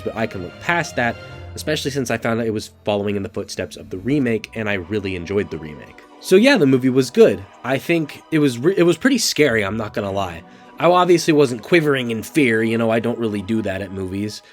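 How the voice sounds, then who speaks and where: An eighteen-year-old guy with a mid-range voice hosts a casual spoken movie review. He sounds stuffed up from allergies and talks in a loose, profane way, full of fillers and restarts.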